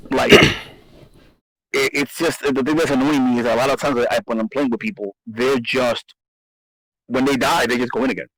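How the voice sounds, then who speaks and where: A man's voice: medium pitch, fairly even intonation, normal speed, fairly bright tone, no room sound, rough recording. Man explaining game strategy at length. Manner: explanatory, repeats himself, emphatic. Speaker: host. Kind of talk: casual gaming strategy discussion.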